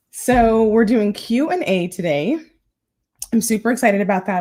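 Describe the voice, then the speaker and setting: A woman's voice: mid-range voice, darkish tone. Chatty woman hosting a live stream. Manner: chatty, playful, addresses viewers as y'all. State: out of breath. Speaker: style vlogger hosting a live Q&A. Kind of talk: casual live-stream chat. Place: her home.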